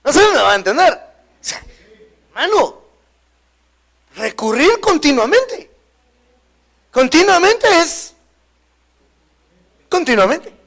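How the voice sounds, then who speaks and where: A male pastor preaches in a high-pitched voice, repeating key words for emphasis. He mixes scripture reading with playful, humorous asides to his congregation. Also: a bit bright. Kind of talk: sermon.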